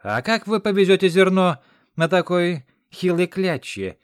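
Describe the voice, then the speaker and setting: A nosy, sneaky male official from a fantasy audiobook, barking orders in a raised, sharp voice, as a male narrator puts him on. He sounds petty and self-important. The recording is dry and close. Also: high-pitched, very animated, unhurried, clean tone, no room sound, pitched above the performer's own voice. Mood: shouting. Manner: shouting, officious.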